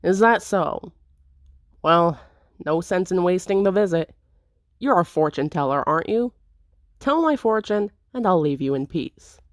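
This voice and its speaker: A woman's voice: on the low side, animated, measured pace, pauses often, dry recording, studio quality. A woman reading a visual novel aloud, voicing a brash, theatrical masked male intruder with a swaggering, dramatic manner.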